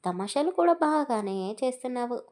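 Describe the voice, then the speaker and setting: A woman's voice: sits high, expressive, moderate pace, a little mellow, voice pushed up. A woman voicing an affectionate grandmother over 60 in an audio story, asking caring, fussing questions.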